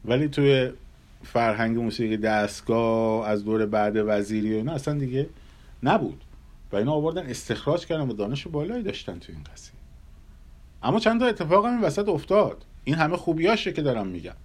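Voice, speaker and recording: A man giving a measured lecture on Persian classical music, pausing often and sometimes humming melodies to illustrate. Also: mid-range voice, big pitch swings, a little mellow. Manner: hums and scats melodies to illustrate; measured, thoughtful delivery with pauses.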